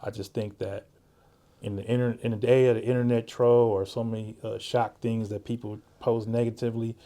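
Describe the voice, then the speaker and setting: A man hosting a podcast interview, talking in a relaxed, easygoing way and often saying "man" and "you know". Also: mid-range voice, a little fast. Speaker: podcast host; works with juvenile youth. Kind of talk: casual interview chat.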